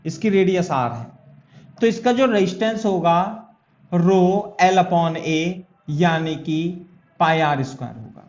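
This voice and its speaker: A man's voice: high voice, a little mellow. A male physics teacher giving a classroom lecture, working through a problem step by step and often checking whether his students follow. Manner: explains step by step and keeps asking if students follow. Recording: echoey room, dull lo-fi sound.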